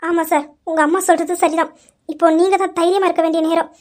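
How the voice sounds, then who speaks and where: A woman's voice: very high-pitched, flat delivery, quick pace, darkish tone. A woman voicing an earnest female hospital doctor who explains a patient's condition in an audio drama. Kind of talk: amateur audio drama acting.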